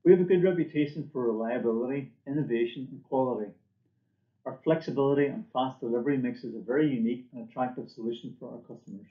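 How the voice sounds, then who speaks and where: In a small indoor office or lab room, a male company presenter reads a scripted corporate presentation with formal, measured delivery at a middling male pitch. It sounds a bit dull and reverberant, as though picked up by a computer microphone.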